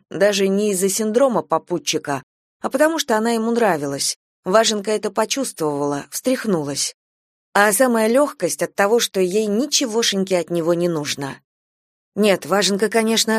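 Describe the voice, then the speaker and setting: A woman narrating a literary audiobook in a calm, measured way. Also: medium pitch, no room sound, studio quality.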